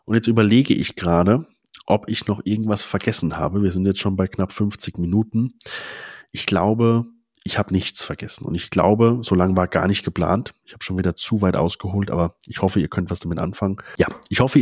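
Young male podcast host, husky and dry, pushes points emphatically like a coach. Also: low-pitched, fairly quick, no room sound. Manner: energetic, emphatic coaching talk with colloquial English fillers. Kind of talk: motivational solo podcast monologue.

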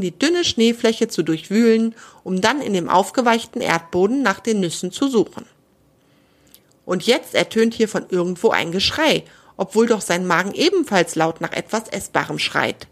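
A woman narrating a children's story with a lively, expressive reading. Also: mid-range voice.

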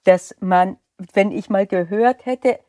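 A woman's voice: medium pitch, slow, warm tone, no room sound, clean studio sound. A middle-aged woman, a law lecturer, talking candidly in a reflective podcast monologue. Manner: candid, personal, explanatory.

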